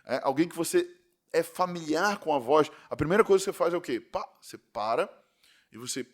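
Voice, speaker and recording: A Brazilian man, a pastor, giving a podcast sermon in a conversational style with frequent tag questions, slowing down to stress key words. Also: fairly high pitch, lively intonation. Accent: Brazilian Portuguese.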